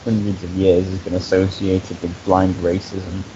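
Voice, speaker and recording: Deep, mellow, and monotone, this young co-host talks unhurriedly in casual live-stream chat. He's earnest and profane, stammering and restarting, with a dull lo-fi mic that hisses.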